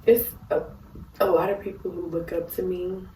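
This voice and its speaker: A woman's voice: fairly low pitch, level tone, normal speed, dark tone. A tipsy woman chatting casually as a YouTuber answering questions, rambling in a goofy, giggly way. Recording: roomy echo, distant mic, faint noise.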